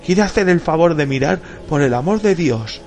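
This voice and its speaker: A male audiobook reader voicing a terrified airline passenger who pleads and shouts, his voice pushed high and loud. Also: animated, normal speed, soft background music, natural voice. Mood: panicked.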